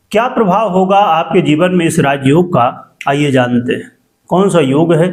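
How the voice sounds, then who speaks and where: An echo trails this man's voice, which sits clearly high for a male speaker. He addresses viewers as an astrologer would, explaining things formally and deliberately, phrase by phrase. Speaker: astrologer presenting a horoscope video. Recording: echoing voice, as in a cave.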